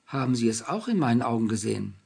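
A man voicing an earnest, self-assured young man who speaks calmly and directly. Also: medium pitch, quick pace, gravelly, breathy edge, heavily acted.

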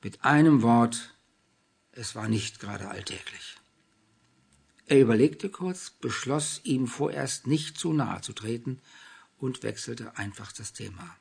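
Gravelly male audiobook narrator. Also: mid-range voice, animated, measured pace.

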